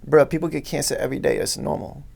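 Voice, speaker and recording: A man with a laid-back stoner drawl and a gravelly, husky voice, chatting casually and deadpan as a guest. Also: on the high side, fast talker. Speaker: podcast guest.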